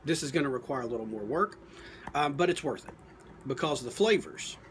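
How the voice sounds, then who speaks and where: A man giving a casual, unscripted product review, thinking aloud in a halting, folksy, plain-spoken way. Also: mid-range voice, animated, slight background noise. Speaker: pipe tobacco reviewer.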